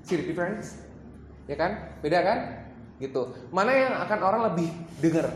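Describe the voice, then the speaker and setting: Brief: chatty trainer at mid pitch, workshop talk with English slipped in, roomy echo. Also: expressive, moderate pace, a little hiss or hum. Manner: chatty, mixes in English phrases, many fillers. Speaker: workshop presenter. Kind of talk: casual training talk to a live group.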